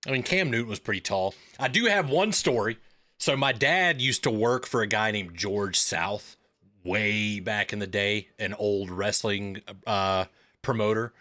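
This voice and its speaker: A man's voice: fairly low pitch, unhurried, sharp tone. A man in his thirties hosting a live stream, chatting casually and telling rambling stories. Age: 30s. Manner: rambling storyteller with filler words and restarts.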